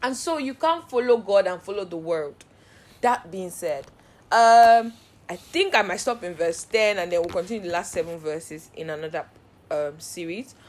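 A woman's voice: lowish voice, normal speed. Earnest woman teaching a devotional. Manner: earnest, heartfelt, repetitive cadences. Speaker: Bible study host.

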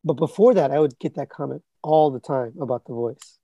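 In a dry recording with no room sound and the highs cut off, a mid-range, scratchy male voice speaks a little fast with a dark tone. He's a collectibles reviewer in his thirties or forties, rambling casually on a podcast with frequent fillers and restarts.

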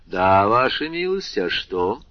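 A man with a low voice reading the part of a calm, ironic bandit chief who speaks unhurried and deadpan, in a muffled dry recording. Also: no echo, heavily acted.

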